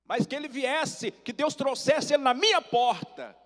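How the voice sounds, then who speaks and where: A man voicing his older retired aunt, a fervent churchgoing woman speaking in high, excited exclamations. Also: quick pace, big-room sound, lightly acted.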